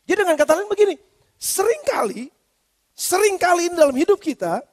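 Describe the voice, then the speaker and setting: High-pitched pastor preaching in a hall. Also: male voice, a little fast. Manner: lively preaching, acts out quoted speech in slangy Jakarta style. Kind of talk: sermon. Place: church. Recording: reverberant church hall.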